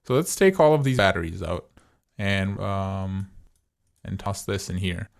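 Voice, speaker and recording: A man's voice: deep voice, expressive, measured pace, gravelly. A man giving casual, chatty gameplay commentary as host of a gaming video, thinking aloud as he goes.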